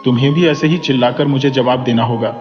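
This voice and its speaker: A man's voice: medium pitch, fast talker, natural voice. A man doing a playful lovestruck young professor. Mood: affectionate. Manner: warm, coaxing, teasing. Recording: dull reverberant recording, soft music.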